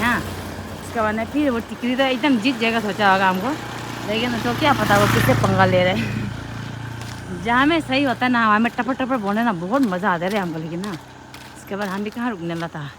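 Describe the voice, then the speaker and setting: A woman's voice: mid-range voice, fairly quick. A young woman vlogger chatting through a long story, repeating herself and acting out what people said. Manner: chatty, repetitive, acts out the quotes. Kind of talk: casual storytelling. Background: traffic and street noise.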